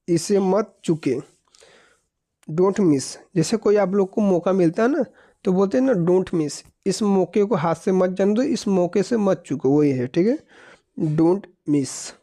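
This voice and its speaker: Very slow Indian man teaching English. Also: high-pitched, lively intonation, warm tone, dry recording, clean studio sound. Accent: Hindi-speaking Indian. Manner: repeats each phrase slowly, switching between Hindi and English. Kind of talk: slow spoken-English lesson.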